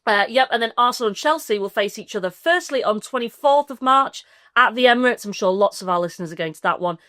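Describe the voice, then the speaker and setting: A woman's voice: a little high, expressive, fast talker, a bit bright, dry recording. An English woman co-hosting a casual football podcast, chatty and giggly, often trailing off mid-sentence. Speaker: podcast co-host. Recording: dry, slightly rough sound.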